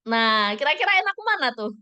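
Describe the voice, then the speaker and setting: A woman trainer leading a parenting workshop, lively and asking her audience many questions. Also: a little high, a little fast. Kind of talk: interactive workshop talk.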